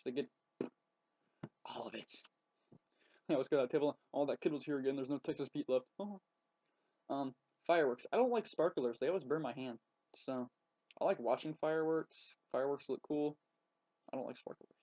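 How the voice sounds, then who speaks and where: A man's voice: mid-range voice, warm tone. Rambling teenage guy on a muffled laptop mic. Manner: rambling, halting, full of ums and likes. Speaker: vlogger. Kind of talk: casual webcam vlog. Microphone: laptop webcam mic.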